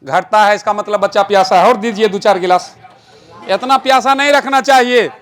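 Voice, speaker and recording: A man's voice: sits high, fairly quick, fairly bright tone. A man performing a live magic show, joking and giving orders to a boy and the audience. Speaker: stage magician and rationalist speaker. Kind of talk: live magic demonstration with explanatory talk.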